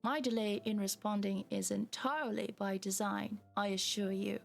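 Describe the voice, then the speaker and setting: A woman voicing a smug, flirtatious gentleman patron in a put-on British accent, reading his letter aloud from a game. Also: mid-range voice, fairly even intonation, normal speed, gravelly, faint music behind. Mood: teasing.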